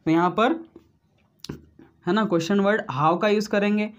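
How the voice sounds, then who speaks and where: A man teaching a video grammar lesson who speaks slowly and deliberately, addresses viewers as friends, repeats each example and keeps adding a "right?" tag. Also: high voice, steady tone, muffled recording. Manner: slow and deliberate, says he explains step by step.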